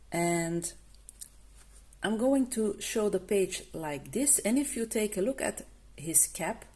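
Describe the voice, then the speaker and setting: With a lowish, gravelly, warm voice, this non-native English-speaking woman runs a coloring channel and is giving an easygoing review of art markers. She's tentative throughout, repeatedly breaking off to start sentences over and using plenty of fillers.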